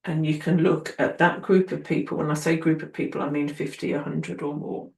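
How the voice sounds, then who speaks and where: A woman's voice: low voice, steady tone, brisk, creaky, a little mellow. Encouraging woman trainer in a roomy echo. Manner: earnest, encouraging, acts out quoted people. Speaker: occupational therapy trainer. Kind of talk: casual instructional talk.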